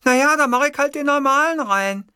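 A man voicing a young female secretary who answers in a flat, matter-of-fact way. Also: very high voice, fairly quick, dry recording, studio quality, voice pushed up. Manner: unfazed, sniffly replies.

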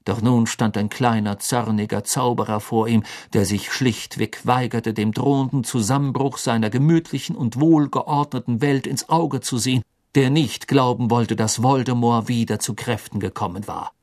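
A man's voice: medium pitch, fairly even intonation, normal speed, few pauses, a little mellow. A man narrating an audiobook and voicing every character himself. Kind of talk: scripted narration.

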